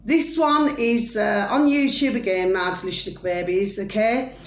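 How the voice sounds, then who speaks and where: A vlogger with a mid-range voice reviews videos at a moderate pace, loud and rambling in casual commentary to her viewers. She keeps addressing them with a pet phrase, and the room sounds echoey with faint noise.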